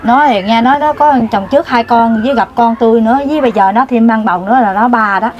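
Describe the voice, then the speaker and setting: An older woman, a grandmother telling her story in a halting, rambling way during an emotional interview. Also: fairly high pitch, lo-fi sound. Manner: rambling, halting, repeats herself. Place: village, outdoors.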